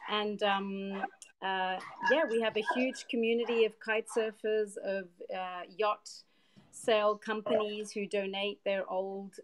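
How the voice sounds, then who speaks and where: A woman's voice: mid-range voice, level tone, takes it slowly, a little hiss or hum. A woman, explaining her social business earnestly and fluently over a live video call. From Switzerland, raised in Papua New Guinea. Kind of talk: interview answers on a live stream.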